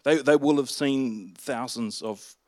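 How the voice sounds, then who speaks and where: A male pastor preaches in a conversational, halting way, often restarting his phrases. His voice sits at an ordinary middle pitch. The recording is dry, with little room sound. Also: a little mellow, no echo. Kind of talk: sermon.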